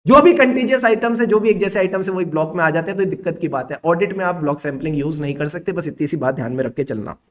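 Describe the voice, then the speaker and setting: A man's voice: fairly high pitch, quick pace, few pauses. A man with an Indian accent, teaching a revision lecture in a playful, teasing way and acting out concepts as characters.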